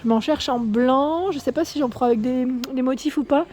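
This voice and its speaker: Woman, slightly high voice, mellow tone, chatty shop vlog, phone camera. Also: moderate pace. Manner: chatty, asks viewers for opinions. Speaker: vlogger. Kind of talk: casual store walkthrough vlog. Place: inside a shop.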